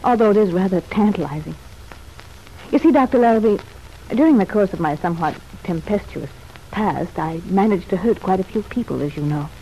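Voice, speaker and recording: In a muffled, noisy old radio soap opera, an actress plays a cultivated, self-examining young woman recovering in a sanitarium. Her medium-pitched, warm voice is expressive and a little fast, lightly acted, delivering formal, articulate lines with hesitant phrasing. The mood is earnest and reflective.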